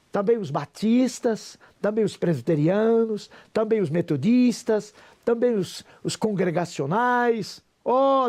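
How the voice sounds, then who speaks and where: A man's voice: sits high, darkish tone. A Brazilian man in his sixties, a pastor, giving an emotional, preacher-like personal testimony with a Brazilian Portuguese accent. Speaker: pastor and businessman.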